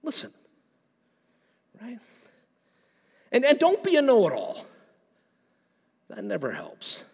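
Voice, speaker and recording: A high-voiced man preaches with lively, swinging intonation, often stumbling over and repeating his words. His voice rings out with a long reverb, as in a church sanctuary. He shifts between urgent emphasis and hushed, intense passages. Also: takes it slowly, vocal fry, husky. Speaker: pastor. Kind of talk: sermon.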